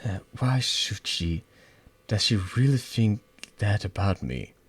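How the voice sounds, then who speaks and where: A man's voice: fairly low pitch, sing-song, slow pace, husky, voice pushed up, heavily acted. A man voicing a frightened, hurt teenage schoolgirl who stammers and pleads. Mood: distressed. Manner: pleading, stammering, rising to shouts.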